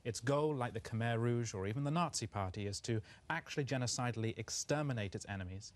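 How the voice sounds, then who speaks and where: Fast-talking articulate British man. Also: mid-range voice. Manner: articulate, forceful argument. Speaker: debate guest. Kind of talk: televised political debate.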